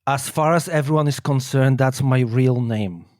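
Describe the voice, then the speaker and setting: Man, thirties, interview guest, halting repeated words, mid pitch, dry sound. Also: darkish tone, dry recording. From Poland. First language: Polish. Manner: hesitant, repeats words while finding his thoughts. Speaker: guest, urban explorer and maths teacher. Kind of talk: casual interview chat.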